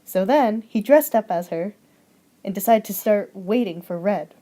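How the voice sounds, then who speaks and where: A woman's voice: medium pitch, measured pace, dark tone. A young woman reads her own fairy tale aloud for a class project, stringing events together with "and then", in a plain amateur home recording. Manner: plain storytelling with frequent "and then".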